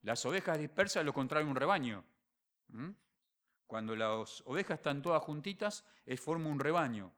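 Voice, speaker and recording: Male pastor, Rioplatense Spanish accent, fairly high voice, lively sermon delivery. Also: normal speed. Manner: animated preaching, acts out voices and dialogues; shifts between quiet intimate phrases and loud emphatic ones.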